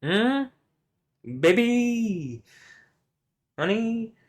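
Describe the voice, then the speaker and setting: Speaking very slowly with lively intonation, a man with a deep voice rambles alone to the camera. He swears, chuckles often, and tends to drop his sentences halfway through.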